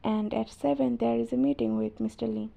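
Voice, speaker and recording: A woman voicing a prompt, professional young male assistant who speaks briskly, on a dull lo-fi recording. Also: fairly high pitch, steady tone, vocal fry, dark tone. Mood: businesslike. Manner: brisk, businesslike.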